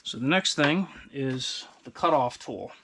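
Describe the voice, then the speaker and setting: A man's voice: mid-range voice, animated, a little slow, bright, forceful tone. Middle-aged man over workshop noise. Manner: unscripted, thinking aloud while working. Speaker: host, hobby machinist. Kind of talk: casual hands-on workshop commentary. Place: small indoor wood-panelled workshop. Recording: clear machine and workshop noise.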